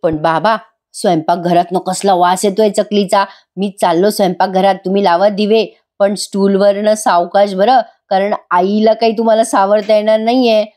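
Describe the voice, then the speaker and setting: A woman's voice: mid-range voice, steady tone, normal speed, a little mellow, lightly acted. A woman reading the lines of a playful young husband, in a light, joking tone close to her own voice.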